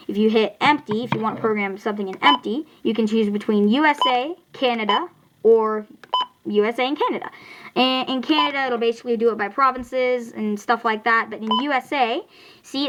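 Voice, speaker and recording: An American speaker gives a casual, halting product review and tutorial, explaining things informally and fixing slips as they go. The voice sits at medium pitch, recorded indoors at home with a noisy background.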